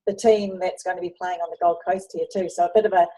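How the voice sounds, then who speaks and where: A New Zealand woman with a warm, fairly low voice talks fast in a fairly even tone. Hosting a netball travel program, she conducts an interview while showing slides and chatting, with frequent ums.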